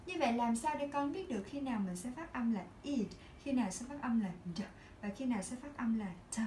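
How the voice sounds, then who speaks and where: A woman teacher explaining a pronunciation lesson to her young pupils in a gentle, explanatory way. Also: fairly high pitch, lively intonation, fast talker, reverberant, a little hiss or hum.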